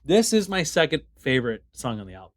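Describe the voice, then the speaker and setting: A man co-hosting a podcast, chatting casually about albums in a relaxed, rambling way full of fillers and restarts. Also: medium pitch, fast talker. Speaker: podcast co-host. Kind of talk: casual music review chat.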